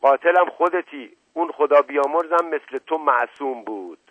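A man voicing a fiery, sharp-tongued middle-aged widow, shrill and indignant. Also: breathy edge, dry recording, phone-quality sound. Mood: furious.

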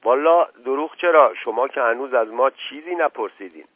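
A man's voice: mid-range voice, breathy edge, no echo, close to an everyday voice. A man voicing a humble old servant who answers meekly and evasively, on a dull lo-fi recording. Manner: meek, evasive, folksy. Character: humble old male servant with a folksy catchphrase.

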